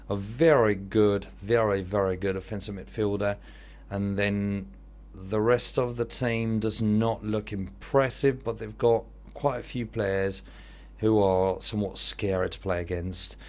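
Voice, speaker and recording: A man's voice: lowish voice, takes it slowly, darkish tone. A man with an Italian accent giving casual commentary on an online football manager game, thinking aloud as he weighs his choices.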